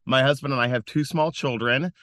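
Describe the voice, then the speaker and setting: Bright-voiced American man, dry closet sound. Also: medium pitch, steady tone, a little fast, no room sound. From Western North Carolina, United States. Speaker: podcast guest, social impact entrepreneur. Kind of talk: casual interview chat.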